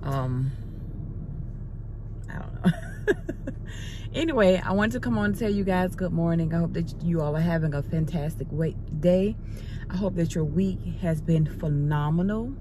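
Middle-aged woman, lower voice, upbeat car vlogger who prays in rhythmic repeated phrases, recorded on a dashboard phone with a faint hum behind. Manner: upbeat, encouraging, repeats phrases in prayer cadence. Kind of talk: casual car chat and spoken prayer. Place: parked car interior. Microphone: phone camera on the dashboard.

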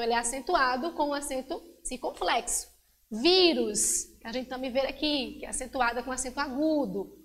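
A Brazilian woman teaching a grammar lesson to children, patiently explaining and slowing down to spell out example words. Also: high voice, a bit bright, slight background noise. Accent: Brazilian Portuguese.

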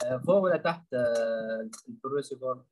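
A man's voice: medium pitch, quick pace, a little mellow. A male student answering on an online class call, his voice cutting out over a bad connection. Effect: choppy voice cutting out over a bad call connection.

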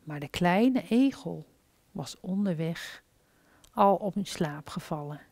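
Expressieve vertelster met levendige toon. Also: female voice, on the low side, slow pace, dry recording. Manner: expressive, animated storytelling. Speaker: reader in a church service. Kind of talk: reading a children's story aloud.

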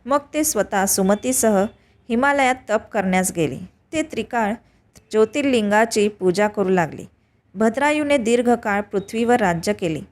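A woman telling a devotional tale as scripted narration, reading evenly in short, measured phrases. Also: mid-range voice, animated. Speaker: storyteller.

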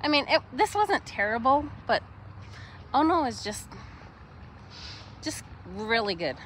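Speaking in a fairly high, bright voice with wide pitch swings and an unhurried pace, a middle-aged horse trainer and barrel racer talks casually to viewers of her ranch vlog. She's plain-spoken and moves between fields, a parking lot, her vehicle, and the tack room. Her handheld camera or phone, held at arm's length, catches slight background noise.

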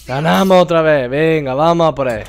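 Excitable, foul-mouthed Spanish man gaming. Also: on the high side, moderate pace. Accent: Spain Spanish. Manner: excitable, swears loudly at the game. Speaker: gamer. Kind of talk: gameplay commentary.

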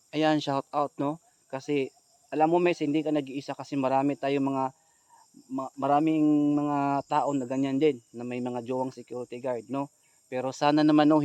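A man vlogging as a ghost hunter outdoors in the countryside, calling out loudly to someone and then dropping to hushed asides for his viewers. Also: a little high, no echo. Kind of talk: outdoor staged vlog narration.

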